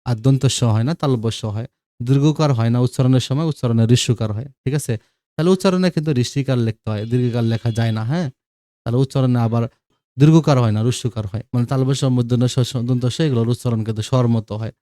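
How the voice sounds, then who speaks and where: A man's voice: medium pitch, fast, warm tone, dry recording. A man teaching a grammar lesson, repeating examples and checking whether students follow. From Bangladesh. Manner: explanatory, repeats examples, checks understanding with asides.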